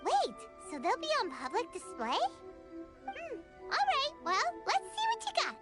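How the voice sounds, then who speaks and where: An extremely high, squeaky little fairy girl, cheeky and chirpy. Her lines swing up and down in lively anime game style, with exaggerated exclamations over prominent music. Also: a little slow, heavily acted. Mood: nosy, excited. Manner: third-person self-reference, exaggerated exclamations. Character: tiny childlike female fairy companion, chirpy, cheeky, greedy eater.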